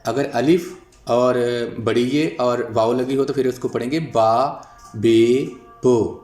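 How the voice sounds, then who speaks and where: A man's voice: mid-range voice, measured pace, darkish tone, reverberant, soft background music. A man teaching a phonics lesson, patiently sounding out letters one by one and explaining how vowel marks change them. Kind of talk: slow, deliberate phonics lesson.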